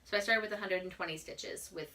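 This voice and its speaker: A woman's voice: mid-range voice, fairly even intonation, fast talker, pushed and bright. A young woman co-hosting a crafting podcast, chatting casually with wry, teasing asides. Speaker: podcast co-host. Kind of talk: casual chat.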